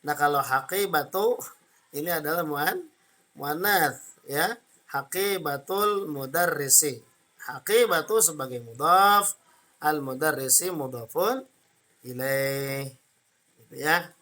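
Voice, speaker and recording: A man's voice: a little high, slow pace, long pauses, sharp tone. A man with an Indonesian accent teaching an Arabic grammar class, explaining patiently step by step and checking in often.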